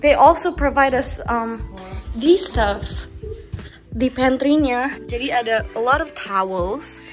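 A young woman from Indonesia chatting excitedly on a handheld phone vlog, switching between Indonesian and English. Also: high-pitched, unhurried, soft background music, low-quality recording. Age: young adult. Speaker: vlogger. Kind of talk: casual vlog chat. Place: rental house, backyard porch, car and store. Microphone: handheld phone camera.

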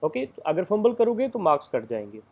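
A man's voice: high-pitched, sing-song, brisk, slightly rough, muffled recording. A man giving a casual lecture as an exam coaching teacher, explaining step by step with frequent fillers.

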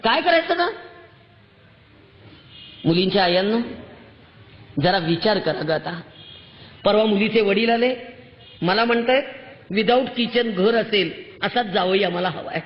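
A woman giving an impassioned public lecture to women, scolding and exhorting them and rising to near shouts. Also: mid-range voice, moderate pace, pauses often. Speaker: public speaker addressing women. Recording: echoey hall, muffled sound.

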